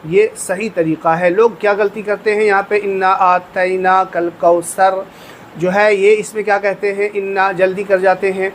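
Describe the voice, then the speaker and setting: Patient man teaching slow recitation. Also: high-pitched, little pitch movement, a little hiss or hum. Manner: patient, repeats phrases slowly and drawn out for learners. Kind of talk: instructional lesson with slow recitation.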